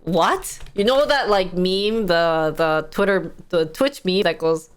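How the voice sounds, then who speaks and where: A woman's voice: on the low side, unhurried, clear, resonant tone. A young woman YouTuber explaining a news story in casual, chatty commentary, playfully acting out the quotes. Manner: chatty, playful, acts out quotes in funny voices.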